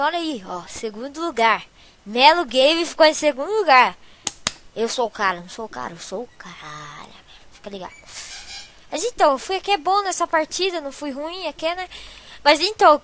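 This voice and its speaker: Very high, bright-voiced woman gamer. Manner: panicky shrieking, dramatic exclamations. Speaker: gaming channel host. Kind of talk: Minecraft gameplay commentary.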